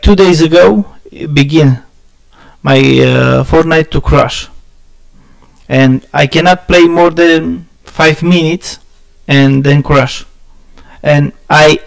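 A man from Romania with a Romanian accent chatting casually with viewers on a game stream, halting and searching for words, often laughing at himself. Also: on the high side, vocal fry, low-quality recording. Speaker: gaming streamer.

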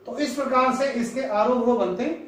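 High-voiced teacher in an echoey room. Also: male voice, a bit bright, a little hiss or hum. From North India. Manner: explains slowly, sings scale notes in between. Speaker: music teacher. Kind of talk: classroom lesson with sung notes. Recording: echoey room, mic far off.

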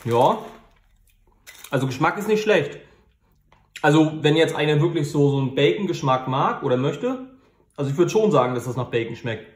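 A man hosting a food review channel gives a casual, unscripted review in an informal, matter-of-fact way. His voice is fairly high and expressive, at a moderate pace with frequent pauses. He's recorded in an indoor room with an echoey, reverberant sound.

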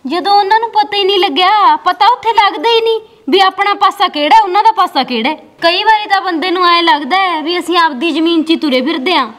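A woman's voice: very high voice, brisk, few pauses, a bit bright. A young woman with a Malwai Punjabi accent, playing a village woman who consoles her family in a matter-of-fact way. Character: comforting young village woman, steady and reassuring. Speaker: actor in a village short drama. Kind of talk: amateur village drama acting.

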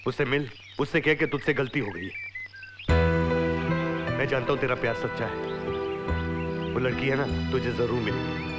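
A man's voice: mid-range voice, lively intonation, a little fast, few pauses, lightly acted. An actor playing a stern, protective gangster who gives orders and scolds a young man, in a film. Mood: reassuring. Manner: commanding, scolding. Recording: film soundtrack with loud music.

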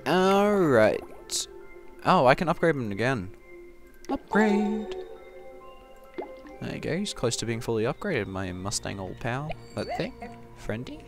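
A man giving goofy, casual gameplay commentary, talking to the game and breaking into sudden loud yelps. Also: medium pitch, very animated, normal speed. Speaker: gaming commentator. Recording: game music behind the voice.

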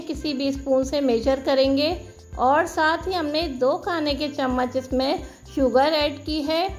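A woman hosting her own cooking channel, chatting warmly through a recipe voice-over and offering blessings to her viewers. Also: high voice. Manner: warm, chatty, full of blessings and praise.

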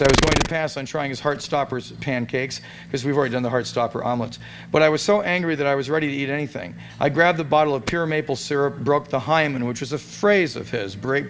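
A man giving a dramatic reading of a comic story at a gathering in a restaurant, in a deadpan, amused tone. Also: a little high, a little hiss or hum. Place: restaurant event room.

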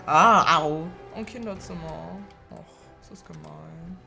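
A young woman giving casual let's play commentary, excitable, swearing and laughing a lot. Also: deep voice, takes it slowly, creaky, soft background music. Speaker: gaming video host.

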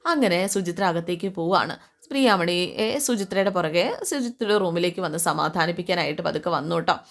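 A woman's voice: fairly low pitch, animated, a little fast. A woman casually retelling a TV serial episode, chatty and loose, with frequent asides to the listener. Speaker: serial recap narrator.

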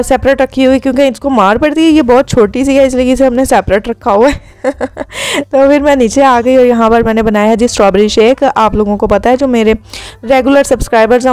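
A woman's voice: on the high side, a little mellow, clear, resonant tone. A young woman, a vlogger narrating her day in a casual, chatty voice-over full of filler phrases. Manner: chatty, many filler phrases, talks fast.

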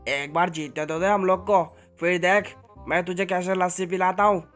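A man's voice: sits high, steady tone, moderate pace, fairly bright tone, soft background music. A man doing a boastful cartoon cat soldier. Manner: bragging, dramatic, brotherly.

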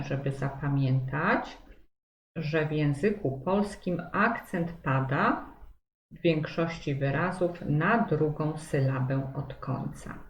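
A woman teaching a pronunciation lesson, who explains slowly, repeats key points and fills pauses with hesitations. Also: low-pitched. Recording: echoey room with faint noise.

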